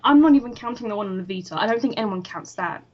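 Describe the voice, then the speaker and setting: A woman's voice: medium pitch, expressive, fast, over a noisy crowd. A woman co-hosting a casual podcast, ranting with a sarcastic edge. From United Kingdom. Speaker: podcast co-host. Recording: dull lo-fi with faint noise.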